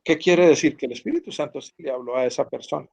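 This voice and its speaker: A man's voice: on the high side, quick pace, gravelly, a little mellow. A man teaching an online Bible class, earnest and often checking that his students follow. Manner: earnest, asks students to confirm.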